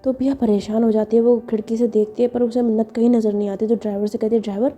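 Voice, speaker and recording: A woman's voice: fairly high pitch, little pitch movement, fast talker, warm tone, soft background music. A woman telling a story in a casual, chatty way, with filler words along the way.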